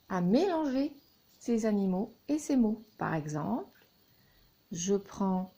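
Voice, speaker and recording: A woman teacher talks a young child through a classroom word game at a very slow, careful pace. Her voice is dark and soft, with a husky grain. She spells out letters and splits words into syllables, one at a time. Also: medium pitch. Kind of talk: recorded lesson for young children.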